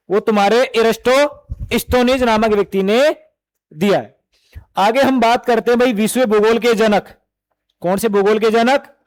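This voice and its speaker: A man with a very high voice is teaching a class of exam students. He asks a question and then answers it himself, and he keeps calling the students beta and bhai.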